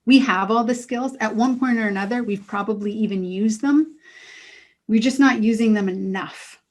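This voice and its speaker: A middle-aged woman answering interview questions as an emotional intelligence coach, calm and earnest, giving advice. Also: a little high, normal speed.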